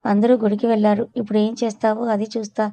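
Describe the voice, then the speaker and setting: A woman's voice: mid-range voice, flat delivery, fast, vocal fry, mellow, lightly acted. A woman reading an audio story, voicing a mischievous, feisty young wife with a sassy tongue. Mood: scheming. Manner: sassy, scheming.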